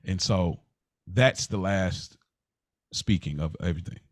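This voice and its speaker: A low-voiced man, co-hosting a podcast, tells personal stories casually at a slow pace, frequently repeating words and beginning phrases again. The audio is studio quality with no room sound.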